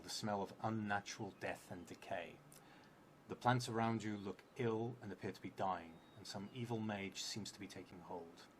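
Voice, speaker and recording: Here a solo tabletop roleplay streamer, a man in his thirties whose English is a third language, reads prompts and thinks out loud with a voice on the low side. When writing he falls into halting muttering, but his reading aloud is clearer. Clear noise runs through the stream recording.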